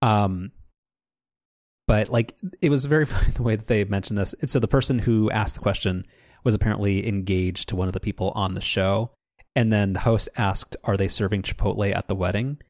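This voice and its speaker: Gravelly guy rambling on a podcast, dry sarcastic, super dry close mic. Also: lowish voice, normal speed, dry recording. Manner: rambling, many restarts and fillers, dry sarcasm. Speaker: podcast co-host. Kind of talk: casual podcast chat.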